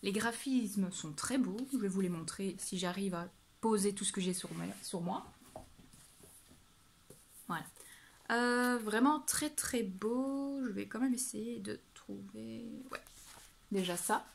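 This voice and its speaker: A woman's voice: medium pitch, slow pace, vocal fry, slight background noise. Gushing woman chatting about books. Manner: talks off the cuff with many self-corrections. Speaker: book vlogger. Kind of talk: casual monthly reading update.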